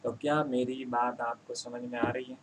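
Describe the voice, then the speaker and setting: A man teaching a grammar lesson for exam preparation, speaking, calling the viewers friends and slowing down to repeat example sentences. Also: medium pitch, flat delivery, a little hiss or hum, poor audio.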